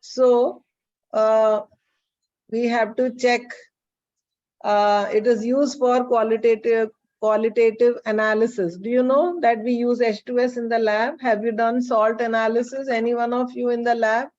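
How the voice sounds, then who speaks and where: A woman's voice: a little high, fairly even intonation, a little slow, a little mellow. Indian woman teacher on screen-recorded video call. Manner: checks students by name, repeats points. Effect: screen-recorded online class audio. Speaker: chemistry teacher. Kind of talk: online class teaching. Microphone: video call computer mic. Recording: dull lo-fi video call audio.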